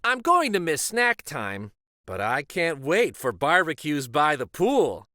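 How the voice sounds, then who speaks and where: A man voicing earnest, excitable young schoolchildren in a picture-book read-aloud, speaking in an eager, expressive way. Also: on the high side, measured pace, no room sound, studio quality, heavily acted.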